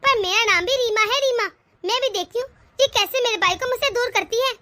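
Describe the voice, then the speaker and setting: A woman's voice: very high voice, fairly quick, sharp tone. A woman voicing a scheming, bossy sister-in-law in a cartoon, taunting and sly. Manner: taunting, sly, self-pitying. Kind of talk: cartoon voice acting.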